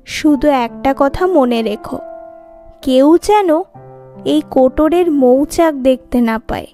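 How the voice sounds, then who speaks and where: A woman voicing a gentle motherly queen bee. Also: sits high, slow, soft background music. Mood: reassuring. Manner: gentle, reassuring.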